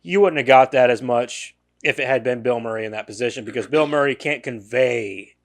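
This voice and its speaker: A man's voice: mid-range voice, brisk. Laid-back hedging podcast guy. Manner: relaxed, hedging, swears casually. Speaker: podcast co-host. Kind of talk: casual movie chat.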